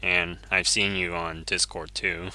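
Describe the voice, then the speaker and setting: A man whose first language is Japanese streams a game and chats easily, reading chat and giving casual commentary. He chuckles often and corrects himself as he answers viewers, his low voice bright and forceful yet flat and unhurried.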